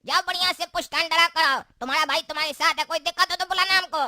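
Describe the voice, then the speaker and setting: Cocky young cartoon hero, brags nonstop, very high bright voice. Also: female voice, fairly even intonation, quick pace, no echo, clean studio sound, full character voice. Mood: brash. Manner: bragging, teasing. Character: boastful cocky young male troublemaker.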